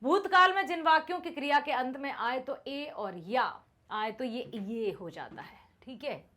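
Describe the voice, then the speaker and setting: A woman teaching grammar in a fairly high, lively voice that rises and falls a lot. She explains patiently and keeps checking that her students are following. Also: a little slow. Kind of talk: grammar lesson.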